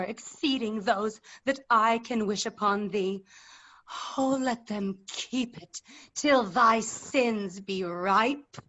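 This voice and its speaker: Actress as scornful old queen, classical verse, very slow and deliberate, bright forceful tone, dull call audio. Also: a little high, full character voice. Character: bitter deposed old queen Margaret, cursing and grieving. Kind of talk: classical verse stage acting. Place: remote video-call staged reading.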